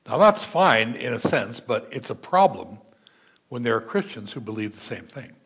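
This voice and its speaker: An older man, a pastor, preaching a measured sermon from a church pulpit and reading scripture aloud. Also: mid-range voice, big pitch swings, fairly bright tone, slightly rough. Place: church sanctuary. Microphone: pulpit mic, seen from far camera.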